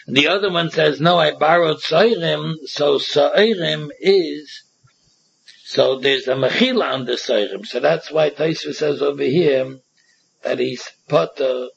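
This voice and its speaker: A man with a Yiddish-inflected English accent gives an informal Talmud class, reading and explaining in a sing-song, repetitive way and asking rhetorical questions. His voice is medium-pitched with vocal fry and a breathy edge. The recording is dull, muffled and lo-fi.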